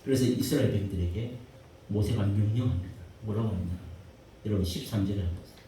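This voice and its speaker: A man preaching a sermon as pastor, repeating phrases and swinging between hushed lines and shouts. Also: on the low side, quick pace. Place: church sanctuary. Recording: echoey church hall, mic far off, faint hiss.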